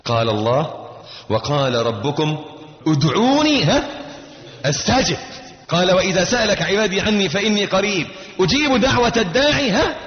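Animated Egyptian preacher in an echoey hall. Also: male voice, high voice. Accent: Egyptian Arabic. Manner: animated, swings between hushed and raised emphatic delivery, acts out dialogue. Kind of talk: Islamic sermon with storytelling. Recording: dull echoey hall recording.

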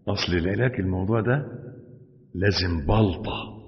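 Man doing a soft-spoken old sheikh, Egyptian, slow and measured, muffled reverberant hall sound. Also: low-pitched, pitched below the performer's own voice. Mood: grave. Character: calm older male sheikh, gentle and grave. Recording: reverberant dull hall recording.

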